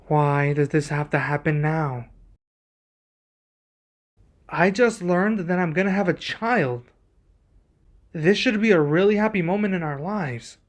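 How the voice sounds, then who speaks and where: In an ASMR roleplay, a man with a slightly high voice plays a young king who is a protective husband. He sounds troubled, speaking formally, deliberately, and in a measured way.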